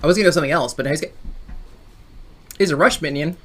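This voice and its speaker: A woman's voice: deep voice, quick pace, noisy background. A woman hosting her gaming channel, chatting casually and upbeat through a card game, often rambling and correcting herself mid-sentence. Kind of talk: casual gameplay commentary.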